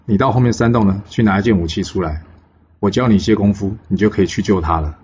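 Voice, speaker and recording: A man voicing a calm, wise old male immortal master who gives instructions to his pupil. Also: lowish voice, quick pace, husky. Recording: dull lo-fi with faint hiss.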